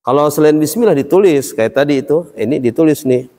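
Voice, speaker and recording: A Quran recitation teacher explains his lesson step by step and quizzes his students in a hall with long reverb. His voice sits on the high side, a little fast, with a dark tone.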